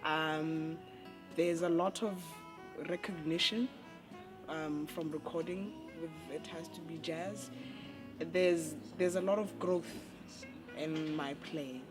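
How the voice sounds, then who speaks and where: Slow-speaking young musician. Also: mid-range voice, fairly even intonation, music in the background. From Botswana. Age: young adult. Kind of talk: interview answers.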